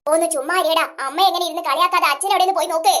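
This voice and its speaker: A performer voicing a fussy elderly mother in a comedy skit, scolding and fretting quickly. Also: extremely high pitch, steady tone, fairly bright tone, pitched below the performer's own voice. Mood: fretful.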